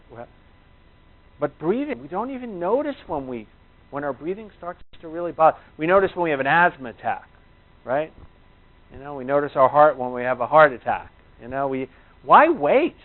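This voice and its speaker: In a slightly high voice, a man coaches a class through breathing exercises, staying conversational and reassuring. He checks in with "you know" and "right," and the sound is tinny and narrow, like a phone call.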